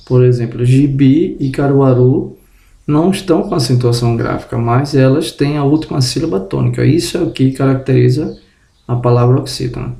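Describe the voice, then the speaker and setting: A man giving a spoken grammar lesson, slowly drawing out example words and checking in with the viewer, slightly groggy and tripping over words. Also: mid-range voice, gravelly, dark tone, reverberant. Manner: tag questions to the viewer. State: just woke up, tongue tripping. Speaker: teacher.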